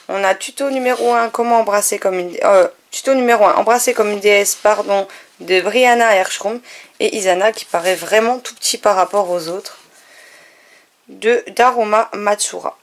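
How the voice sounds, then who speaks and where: A woman's voice: mid-range voice, moderate pace. A woman vlogger chatting casually through a bookshelf tour, listing titles and often correcting herself, a little short on sleep. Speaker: book vlogger.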